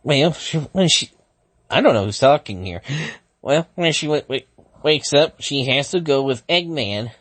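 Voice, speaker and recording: A man reads fan fiction aloud at a slow, halting pace, often tripping over words and starting lines again. Now and then he breaks off to react to what he is reading. His voice sits in a middle register, recorded dry and close. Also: medium pitch, no room sound. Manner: stumbling, frequent self-corrections and restarts; thinks aloud, stops to react to the text. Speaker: fanfiction reader.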